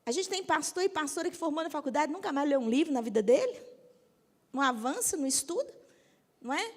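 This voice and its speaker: A woman's voice: sits high, lively intonation, fast talker. A woman in her fifties, a Methodist bishop, preaching directly and often asking the audience if they agree. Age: 50s. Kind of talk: sermon. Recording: long hall reverb.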